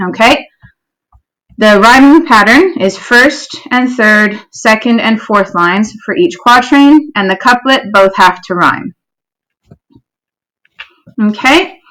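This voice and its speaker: A woman's voice: on the high side, fairly bright tone, poor audio. Patient woman teaching a poetry lesson. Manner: clear and patient, checks understanding with frequent "okay?"; reads verse slowly, stressing syllables. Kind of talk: recorded poetry lesson for pupils. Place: home, recording a lesson.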